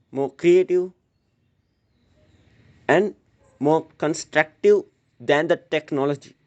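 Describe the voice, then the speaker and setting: A man giving a prepared motivational speech at a school assembly, speaking earnestly and deliberately, straight to his listeners. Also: on the high side, darkish tone.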